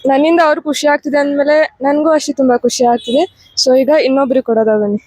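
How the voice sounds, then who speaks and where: A young woman with a high, light voice talks into a phone outdoors, greeting passers-by on a street. She coaxes and repeats herself warmly, chatting in a casual vlog style. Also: quick pace, no echo, rough recording. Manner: warm, coaxing, repeats herself. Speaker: vlogger.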